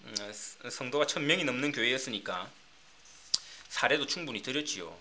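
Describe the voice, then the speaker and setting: A man's voice: mid-range voice, lively intonation, normal speed, pushed and bright, a little hiss or hum. A middle-aged man preaching a sermon as pastor, asking the congregation rhetorical questions.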